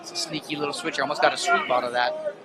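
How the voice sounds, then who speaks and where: A man with a slightly high voice gives conversational color commentary at a live fight. A very loud crowd and heavy arena noise sit behind him. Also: wildly swooping pitch, quick pace. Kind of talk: conversational sports analysis.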